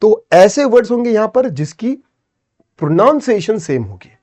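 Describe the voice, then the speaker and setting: A man's voice: high voice, big pitch swings, moderate pace, a little mellow. A man with an Indian English accent teaching an exam-prep lesson, explaining step by step and often checking "theek hai".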